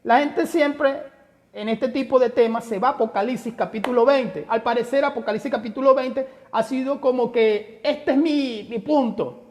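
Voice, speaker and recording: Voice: mid-range voice, moderate pace, a little mellow. Emphatic Bible teacher in a reverberant hall. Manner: emphatic, rhetorical questions, addresses listeners as brother. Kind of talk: Bible study lecture.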